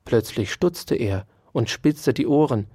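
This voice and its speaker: A storyteller reading a children's animal tale at an unhurried pace. The reading rises and falls in a lively, expressive way. The recording is dry and close, with no room sound. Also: mid-range voice, husky, dry recording. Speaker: narrator.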